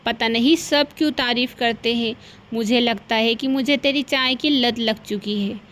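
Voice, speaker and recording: A woman's voice: a little high, normal speed, slight background noise, natural voice. A woman voicing a scheming sweet-talking mother-in-law. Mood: coaxing. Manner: coaxing, heaps on flattery.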